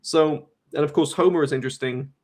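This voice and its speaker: A man's voice: a little high, a little fast, a little mellow. A young man hosting a casual live-stream discussion, talking in a rambling way with many fillers and restarts. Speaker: host.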